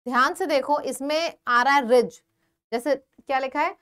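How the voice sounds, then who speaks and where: High-voiced Indian woman teaching vocabulary. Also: fairly bright tone. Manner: explains slowly, repeats words, quizzes the viewer. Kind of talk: exam-prep vocabulary lesson.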